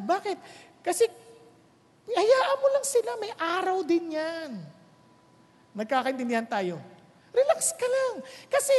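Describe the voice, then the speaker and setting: A woman preaching a sermon, mixing Tagalog and English, with humorous asides to the congregation. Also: sits high. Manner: animated, switching between Tagalog and English. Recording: long reverb of a large hall.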